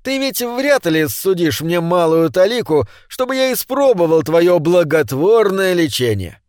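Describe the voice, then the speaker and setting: An eager, fretful nephew who exclaims at every turn, put on by a man reading a storybook aloud. The voice sits noticeably high and jumps around a lot. It is recorded close and dry. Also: big pitch swings, a little slow, darkish tone, no room sound. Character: eager, exclaiming middle-aged male nephew.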